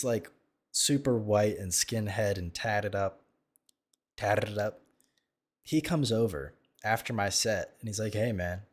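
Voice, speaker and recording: A man casually telling a crude, self-mocking story, rambling with lots of restarts. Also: on the low side. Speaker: streamer reacting to videos.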